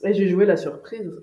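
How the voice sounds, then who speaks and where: A woman's voice: low-pitched, dark tone. A woman telling her side of a personal story in an interview, reflective, with fillers. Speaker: guest.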